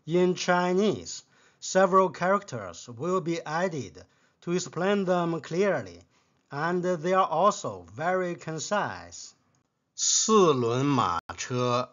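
A man narrating a scripted language lesson in a measured way, reading out paired word lists. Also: on the high side, fairly bright tone, muffled recording. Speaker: Chinese language teacher.

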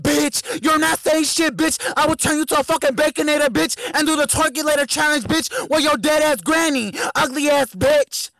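A man playing a sassy trash-talking fox thief in a voice-chat roast battle, with gravelly shouted insults. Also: very high voice, no room sound, heavily acted, rough recording.

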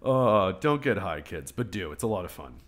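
A man's voice: low-pitched, big pitch swings, a little fast. A man hosting a gaming channel, giving casual let's-play commentary in a profane, joking way. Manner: profane, joking, laughs at himself.

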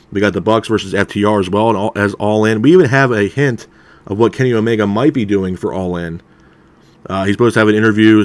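Opinionated man with a low voice. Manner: candid and opinionated, many fillers like "you know" and "man". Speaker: wrestling show reviewer. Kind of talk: casual spoken review. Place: unseen, voice over a title card.

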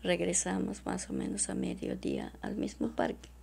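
A middle-aged woman, giving distressed, halting testimony in an interview and repeatedly addressing the interviewer. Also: extremely low pitch, wildly swooping pitch, creaky, a little mellow, breathy edge. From Peru. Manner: halting and repetitive, often addressing the interviewer as doctora. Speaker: witness.

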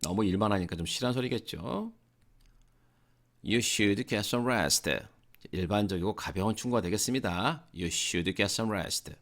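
A man teaching English grammar in an online lesson, giving slow, careful example sentences between casual explanations in English. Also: lowish voice, a bit bright.

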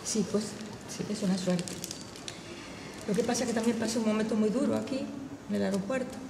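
A woman playing a polite, gentle, grieving middle-aged traveller in naturalistic film dialogue. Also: fairly high pitch, lightly acted. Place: large, bare indoor waiting lounge. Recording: very echoey, distant, noisy hall.

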